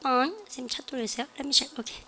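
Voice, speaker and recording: High-voiced woman teacher with a Daegu accent. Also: steady tone, fairly quick, a crowd in the background. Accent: Daegu Korean. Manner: chatty, often asks her students questions. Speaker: English listening teacher. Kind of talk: online lecture.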